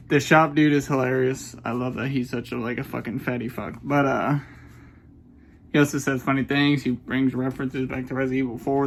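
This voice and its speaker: A man's voice: mid-range voice, slight background noise. Rambling, cursing man in his twenties. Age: 20s. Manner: rambling, profane, self-conscious. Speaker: game reviewer. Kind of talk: casual game review monologue.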